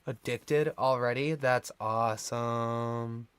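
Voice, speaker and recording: A young man chatting casually to his stream chat, jumping between excited outbursts and quiet mumbling. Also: mid-range voice, slow pace, smooth.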